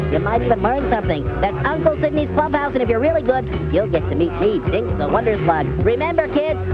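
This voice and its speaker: A high, goofy cartoon slug, an excitable mascot chatting to kids. It is a dull radio recording with loud music behind the voice. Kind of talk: children's radio promo.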